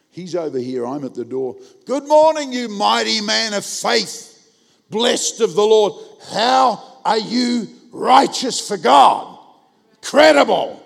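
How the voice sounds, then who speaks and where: A man preaching a humorous sermon, telling a story with acted-out quotes and sudden loud bursts. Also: medium pitch, gravelly, in a large hall. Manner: animated, comic, acts out quotes with big jumps in loudness.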